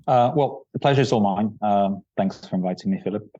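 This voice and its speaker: A man's voice: fairly low pitch, a little fast, warm tone, breathy edge, no echo. A middle-aged man born in Croatia and raised in Austria, an academic guest answering interview questions hesitantly with many fillers. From born in Croatia, raised near Vienna, Austria. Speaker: academic researcher, podcast guest. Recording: dull, dry lo-fi remote line.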